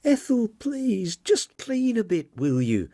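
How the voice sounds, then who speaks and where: A man reading an audiobook, voicing a flustered, brisk grown daughter. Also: medium pitch, very animated, dark tone, no echo, clean studio sound, voice pushed up, full character voice. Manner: flustered and hurried.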